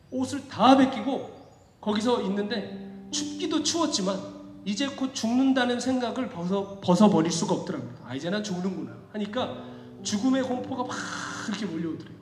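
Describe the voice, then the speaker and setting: A male pastor preaching a sermon, telling a story dramatically and swinging from hushed tones to shouting. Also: high voice. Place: church sanctuary. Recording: echoey hall with faint music.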